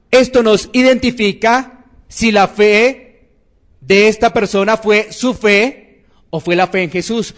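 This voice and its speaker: A man preaching a sermon, asking rhetorical questions and swinging between emphatic and quiet phrases. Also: very high-pitched. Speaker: pastor.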